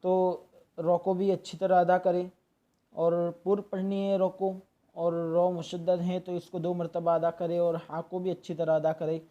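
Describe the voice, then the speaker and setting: A man giving a patient, step-by-step lesson on Quran recitation, stopping often to demonstrate drawn-out chanted verses. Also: sits high, monotone. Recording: dull lo-fi recording.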